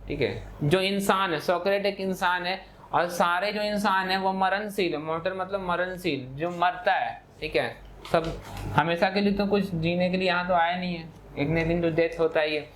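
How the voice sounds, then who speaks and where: A man's voice: sits high, fairly even intonation, moderate pace, a bit bright, slight background noise. A man teaching a math class, explaining step by step in a patient lecture style, often checking in with "okay" and switching into for key terms. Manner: explanatory, repeats "ठीक है" often, mixes English terms in.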